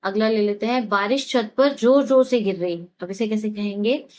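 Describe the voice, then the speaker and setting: A woman teaching spoken English, explaining in a chatty, encouraging way and saying each practice sentence very slowly, again and again. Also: mid-range voice, darkish tone. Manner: says English model sentences very slowly and repeats them; chatty, encouraging classroom talk. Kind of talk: spoken English lesson in Hindi.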